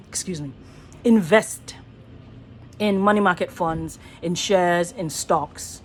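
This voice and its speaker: Speaking into a phone held at arm's length in a small room, this middle-aged Nigerian actor and voice artist rambles earnestly through a selfie vlog, frequently stopping to reword things. Her voice is fairly low, and there's a faint hiss or hum on the recording.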